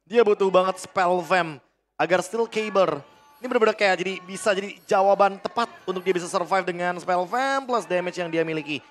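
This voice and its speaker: A man's voice: high-pitched, fairly quick. A man with an Indonesian accent giving analytical esports caster commentary. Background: music.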